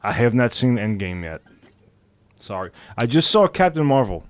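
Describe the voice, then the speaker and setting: A man co-hosting a podcast in casual chat, swearing freely and getting animated. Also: medium pitch, normal speed. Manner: profane, animated when acting out scenes. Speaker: podcast co-host.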